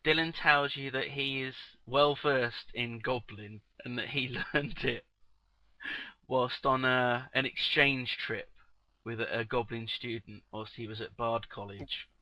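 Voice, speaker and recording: A man as game master, narrating a tabletop game with sweary, amused, excitable banter. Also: medium pitch, measured pace, no room sound, low-quality recording.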